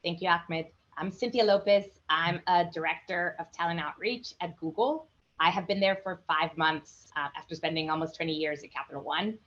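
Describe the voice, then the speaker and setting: A woman from Honduras introduces herself on a panel in a calm, reflective way. Her voice is fairly low and the audio sounds dull and lo-fi. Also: moderate pace. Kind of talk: panel discussion.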